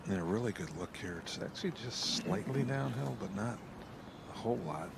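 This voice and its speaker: A man's voice: fairly low pitch, expressive, normal speed. A man doing live golf commentary, explaining and analysing as he goes. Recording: clear outdoor background noise.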